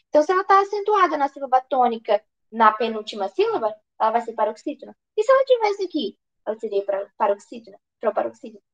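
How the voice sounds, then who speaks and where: High-voiced Brazilian woman tutoring grammar. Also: highs cut off. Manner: asks and answers her own questions, restarts often. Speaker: exam prep tutor. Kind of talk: online grammar lesson.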